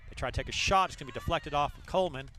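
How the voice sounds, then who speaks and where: A man calling a high school soccer match play by play, getting louder and faster as the action builds. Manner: excitable, voice rising to shouts on big plays. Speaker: play-by-play announcer. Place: outdoors at a soccer field.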